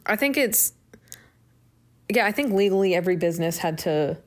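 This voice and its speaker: A woman's voice: medium pitch, lively intonation, moderate pace. A woman co-hosting a podcast, tired and coughing, rambling and poking fun at herself. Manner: rambling, self-mocking. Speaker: podcast co-host. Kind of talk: casual chat.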